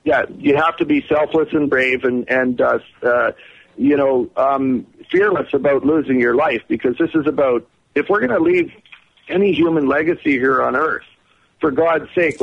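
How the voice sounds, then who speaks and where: A man calling in to a radio show over a buzzy, glitchy phone line that cuts out, talking in a rambling, halting way. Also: mid-range voice, gravelly, husky. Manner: rambling, halting, many fillers. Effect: buzzy, glitchy phone-call audio that cuts out. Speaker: caller. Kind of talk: call-in radio chat.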